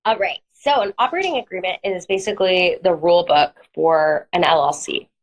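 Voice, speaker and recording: Woman lawyer, guest on a live stream, has a cold, clears her throat, explains step by step with fillers. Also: on the low side, a little fast, low-quality recording. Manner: plain explanatory, uses hedging fillers. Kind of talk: live interview, explaining legal steps. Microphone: online video stream.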